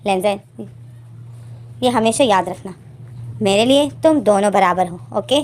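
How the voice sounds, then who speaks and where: A woman's voice: medium pitch, expressive, unhurried, voice pushed down, lightly acted. A woman voicing a loving mother who teases and scolds her son, in a story reading. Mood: tender. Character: mother, doting, playful, fair to both sons.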